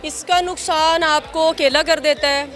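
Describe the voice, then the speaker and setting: Very high-voiced giggly woman. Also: fairly even intonation, fairly bright tone, soft background music. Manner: giggly, quick-witted banter. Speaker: guest. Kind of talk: casual comedic chat.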